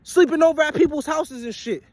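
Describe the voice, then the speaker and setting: A man's voice: very high-pitched, a little fast, a little mellow, dry recording. A man in his twenties giving a blunt, profane motivational rant to his viewers, repeating his points over and over after a long work shift. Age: 20s. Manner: blunt, profane and repetitive, hammering points home. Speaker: vlogger and aspiring musician.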